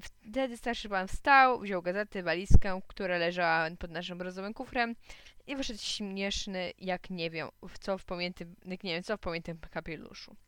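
Woman reading a children's story, smooth clear voice, dry close sound, playful. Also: on the low side, moderate pace, fairly bright tone, no room sound. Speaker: audiobook narrator. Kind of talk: scripted narration of a children's story.

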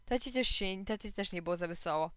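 A woman narrating a children's story in a lively, playful way. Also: mid-range voice, fast talker, clean tone, dry recording. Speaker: audiobook narrator.

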